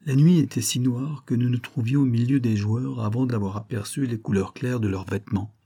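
A man narrating a novel in the first person, steady and measured. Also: medium pitch, slightly rough. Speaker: audiobook narrator.

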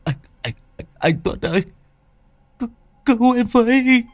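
A man's voice: a little high, sing-song, moderate pace, no room sound, voice pushed up. A man voicing a terrified young village man who stammers and pleads in panic. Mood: terrified stammering.

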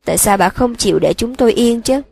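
A timid female house-elf, voiced by a woman, pleads with trembling, sobbing words. The voice has a husky, breathy grain. She is a fearful and loyal servant in a storybook audiobook. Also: fairly high pitch, expressive, fast, darkish tone, no room sound, heavily acted. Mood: pleading. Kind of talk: audiobook reading.

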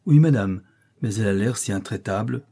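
A man's voice: on the low side, fairly quick, gravelly, warm tone, breathy edge. A man voicing a hesitant, deferential male servant in a storybook reading.

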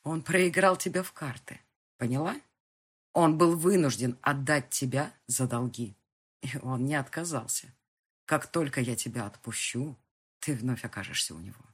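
A woman voicing a menacing, brutal man in an audiobook, with slow threatening delivery and a husky voice. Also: extremely low pitch. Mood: grim.

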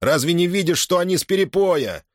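A man's voice: sits high, lively intonation, fairly quick, no room sound, studio quality, pitched above the performer's own voice. A man voicing a village peacemaker who pleads and urges. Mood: pleading. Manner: pleading, urging.

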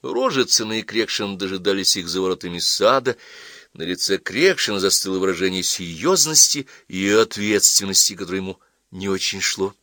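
Male audiobook narrator, low voice, lively intonation, dry close sound. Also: a little fast, dry recording. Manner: expressive, theatrical reading.

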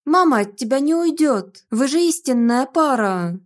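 A woman's voice: high voice, animated, normal speed, pitched above the performer's own voice. A woman voicing a mischievous young witch student, pleading and whining at her father. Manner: pleading, childlike whine.

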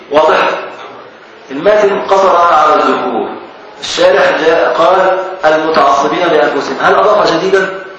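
A man's voice: a little high, fairly bright tone, lo-fi sound. A man with an Egyptian Arabic accent teaching a classical legal text to a class, questioning and teasing his students as he explains. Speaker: teacher of Islamic law texts. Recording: very echoey, distant from the mic, faint hiss.

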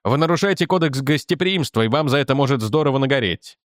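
A man voicing a calm young man who speaks curtly and reasonably. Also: mid-range voice, fast, no echo, close to an everyday voice. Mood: persuasive. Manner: dry, curt, reasonable.

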